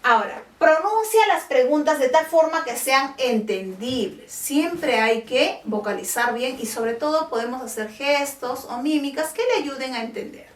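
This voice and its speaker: A woman's voice: high-pitched, expressive, measured pace, hardly any pauses. A woman teacher talking to schoolchildren in a friendly way, often stopping to check with short questions. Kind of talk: teaching a class to children on camera. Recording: echoey room, voice from a distance.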